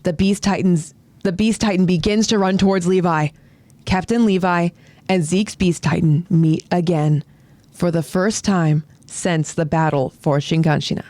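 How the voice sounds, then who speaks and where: A man's voice: sits high, fairly even intonation, a little slow, darkish tone, dry recording. A man co-hosting and narrating, moving between dramatic scripted storytelling and casual chat. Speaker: narrator and co-host.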